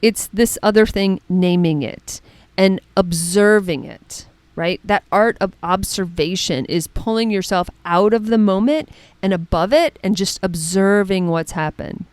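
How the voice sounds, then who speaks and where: A middle-aged woman coach giving a casual spoken lesson, chatty and animated, often checking in with "right?" and "okay?". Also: medium pitch, clear, resonant tone, no echo. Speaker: mental performance coach.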